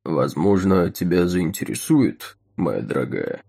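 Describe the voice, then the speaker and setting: An actor playing a smug, scheming male railroad executive who speaks in a crisp, monotone, self-assured way. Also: deep voice, a little slow, heavily acted.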